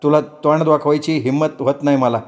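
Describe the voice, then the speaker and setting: A shy young herdsman, voiced by a male storyteller, talks in plain rustic village dialect. He sounds close to the narrator's own voice, just rougher and more homely. He is humble and a little awkward in how he speaks. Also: fairly high pitch, steady tone, brisk, a little mellow, lightly acted. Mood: sheepish. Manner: rustic village speech, sheepish.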